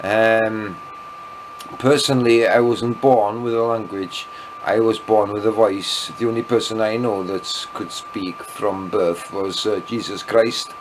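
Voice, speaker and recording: Over a noisy background, a man with a Welsh accent speaks unhurriedly in a low voice with fairly even intonation. A native Welsh speaker, he is a vlogger recording an evening video diary, tipsy after wine, rambling, losing his thread, and poking fun at himself.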